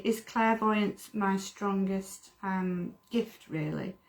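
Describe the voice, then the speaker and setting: A middle-aged woman from the UK, a medium chatting earnestly on a livestream and often repeating words. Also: mid-range voice. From United Kingdom. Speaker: medium, co-host. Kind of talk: casual livestream chat.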